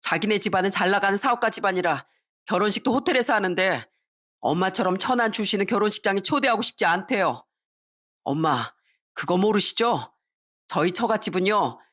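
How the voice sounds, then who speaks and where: A woman's voice: medium pitch, a bit bright. A disrespectful grown son, read by a woman, cold and cutting as he talks back to his parents. The voice is haughty and defiant throughout. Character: arrogant, disrespectful adult son.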